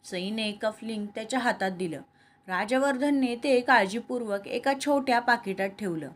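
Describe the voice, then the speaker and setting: A woman's voice: a little high, moderate pace. A woman reading a romantic serial story aloud, voicing every character in her own voice. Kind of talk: scripted story narration with dialogue.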